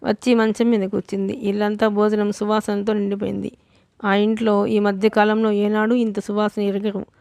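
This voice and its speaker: A woman narrates a novel as an audiobook in a steady, measured way. Her pitch stays flat, and the close, dry recording has no room sound. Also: no echo. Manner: steady storytelling, reads all parts.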